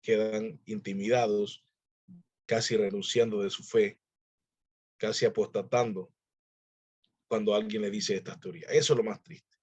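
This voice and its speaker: A man's voice: lowish voice, fairly even intonation, unhurried, long pauses, a little mellow, husky, muffled recording. A man teaching a church discipleship class, earnestly exhorting his listeners in a conversational preaching manner.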